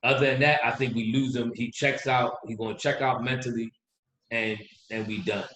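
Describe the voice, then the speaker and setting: A man co-hosting a casual sports podcast, animated and quick to laugh, getting heated when he argues a point. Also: medium pitch, echoey room, poor audio. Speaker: podcast co-host.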